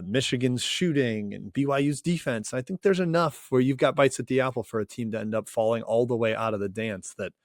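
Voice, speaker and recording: A man co-hosting a sports podcast, giving relaxed, measured analysis with hedging fillers. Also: mid-range voice, dry recording, clean studio sound. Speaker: co-host. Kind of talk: casual sports podcast chat.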